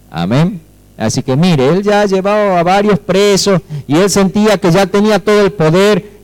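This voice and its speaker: A male pastor with a Rioplatense accent preaches a sermon in a fairly high voice. He is emphatic and often stops to ask whether his listeners are following. He acts out the dialogue he quotes with changing voices. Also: a little mellow, low-quality recording. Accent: Rioplatense Spanish. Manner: emphatic, checks in with listeners through questions.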